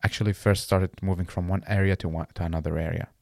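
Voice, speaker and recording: A very deep-voiced man in his late twenties from Iraq, who is not an English speaker, joins a casual interview as a guest. He speaks haltingly, restarting phrases while searching for words, with little pitch movement and a creaky quality, recorded dry and close.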